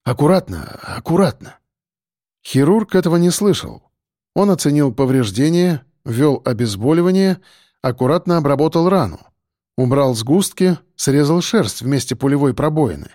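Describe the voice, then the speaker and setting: Man, audiobook narration, measured delivery, slightly high pitch, dry sound. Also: lively intonation, warm tone, no room sound.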